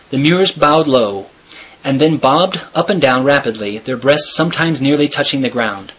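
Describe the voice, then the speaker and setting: A man reading a chapter of a novel aloud in a steady, measured storytelling manner. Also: medium pitch, husky, poor audio. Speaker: reader.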